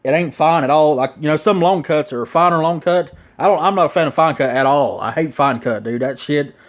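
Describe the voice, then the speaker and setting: A Southern-accented man reviews a product in a loose, wandering, slang-filled way, speaking past a mouthful of dipping tobacco in his lip. His voice runs on the high side and his pace is a touch fast.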